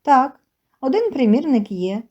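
A lonely, guarded young bookseller from a storybook, quiet and restrained, as a woman narrator reads her lines. The voice is mellow and slightly high. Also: sing-song, measured pace, lo-fi sound, heavily acted. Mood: reserved.

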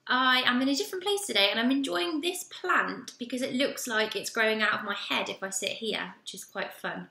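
Bright, expressive woman reading a storybook. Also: a little high, brisk, gravelly. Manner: lively and expressive. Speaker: children's story reader. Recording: roomy echo.

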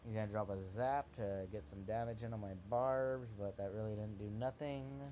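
Young male gamer, lowish voice, cocky trash-talk play-by-play, faint hum under the mic. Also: normal speed. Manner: trash-talking, excitable, swears at opponent. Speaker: gaming channel host. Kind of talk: live gameplay commentary.

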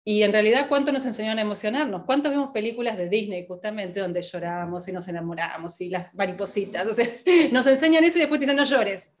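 Animated woman coaching a workshop. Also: medium pitch, fast talker, few pauses. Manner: animated, asks many rhetorical questions, laughs often. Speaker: workshop facilitator.

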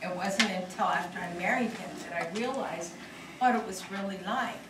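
A woman's voice: mid-range voice, normal speed, very noisy. A woman giving an earnest, reflective personal testimony to an audience. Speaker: speaker sharing her story. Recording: echoey hall, mic from far off.

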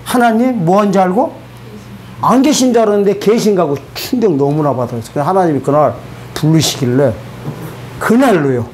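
A man giving a spoken testimony to a church congregation, animated and colloquial, asking the audience rhetorical questions. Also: sits high, fairly quick, a little hiss or hum.

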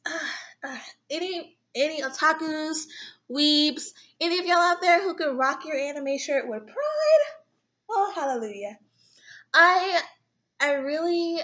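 A woman's voice: sits high, fairly bright tone. A young woman vlogger talking earnestly and rambling to camera about self-acceptance, near tears at times. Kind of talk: personal talk to camera.

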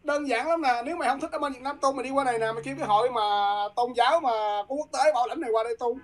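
A woman's voice: high-pitched, racing. A woman from Vietnam, a guest talking politics in a heated, combative way and repeatedly challenging her listeners.

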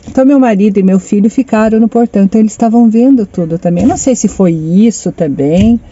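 Middle-aged woman, very mellow dark tone, chatty phone vlog from a car, slightly muffled sound. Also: mid-range voice. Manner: chatty, repeats phrases, addresses viewers fondly. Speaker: vlogger. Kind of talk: personal storytelling to camera. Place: inside a parked car in the sun. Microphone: phone camera.

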